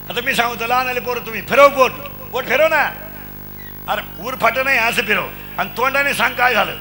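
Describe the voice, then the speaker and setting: A man's voice: very high-pitched, bright, forceful tone, a little hiss or hum. A middle-aged man preaching a comic devotional sermon, chanting rhythmic lists and quizzing his audience. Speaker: kirtan preacher.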